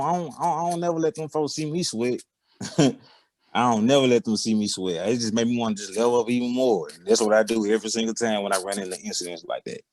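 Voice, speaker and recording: A man's voice: medium pitch, dry recording. A man, a musician guest talking in a laid-back way who repeats phrases for emphasis. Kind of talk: casual interview chat.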